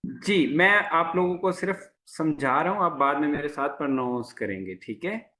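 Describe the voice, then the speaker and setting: A man's voice: on the high side, lively intonation, normal speed, sharp tone. A man teaching a class, patiently repeating each sound several times. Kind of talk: lecture to a class.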